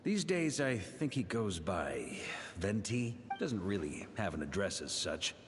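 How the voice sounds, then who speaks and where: Roguish knight commander for a game: lowish, lively, wry, noise behind. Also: male voice, measured pace. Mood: offhand. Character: genial grown male knight commander, casual, roguish. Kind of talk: video game voice acting.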